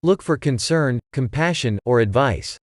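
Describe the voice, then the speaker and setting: A man narrating a scripted advice list in an even, measured way. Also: mid-range voice, dry recording, studio quality.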